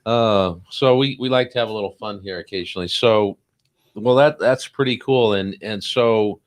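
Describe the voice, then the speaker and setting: A man's voice: lowish voice, moderate pace. A man co-hosting a casual interview, chatty and joking, with plenty of fillers and restarts. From Salt Lake City, Utah. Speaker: podcast co-host.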